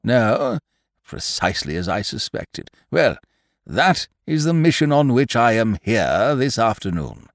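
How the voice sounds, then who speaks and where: A man voicing a stern, pompous older gentleman who speaks slowly and formally. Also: mid-range voice, very animated, no echo, clean studio sound. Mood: disapproving. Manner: slow, ponderous, formal. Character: stern pompous older male nerve doctor.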